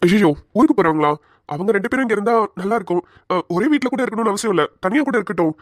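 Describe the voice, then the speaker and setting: A woman's voice: mid-range voice, animated, very fast, no room sound, clean studio sound, natural voice. A woman voicing a tender young husband who soothes his worried wife in a cartoon. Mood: soothing. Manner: gentle, pleading, calls her fondly.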